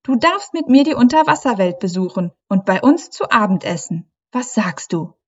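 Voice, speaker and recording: A woman's voice: on the high side, lively intonation, moderate pace, breathy edge, muffled recording. A woman voicing a cheerful little girl mermaid in a bubbly, eager way. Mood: joyful.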